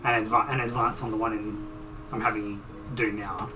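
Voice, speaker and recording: A man voicing a secretive, wealthy male noble patron who speaks in a low, urgent, measured way. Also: flat delivery, far from the mic, music in the background, natural voice.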